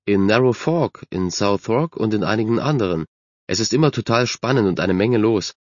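A self-assured, kind-hearted sporty girl from a storybook, as a man reads her in a low, close voice. She speaks in a friendly, firm way. The recording sounds dull and dry. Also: lively intonation, moderate pace, dry recording. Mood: confident. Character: confident, kind sporty girl, team captain.

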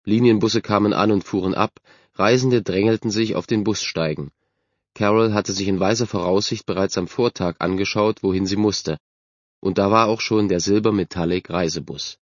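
A man narrating a children's story as an audiobook, in a steady storytelling manner. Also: fairly low pitch, normal speed, dry recording, lo-fi sound.

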